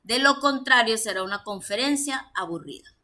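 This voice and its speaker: A woman's voice: on the high side, lively intonation, normal speed, pushed and bright. A woman with a Colombian Spanish accent teaching a church lesson, reading points aloud and then explaining them with fillers.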